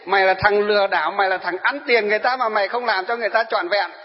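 A man voicing a drunk, furious young man who shouts accusations in a story he tells. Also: high voice, very fast, big-room sound, dull audio, lightly acted.

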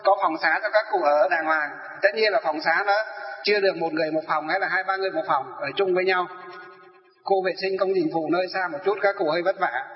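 A man's voice: high voice, steady tone, fast. A man, a Buddhist monk preaching a sermon, who poses questions and answers them himself. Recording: echoey hall, dull sound.

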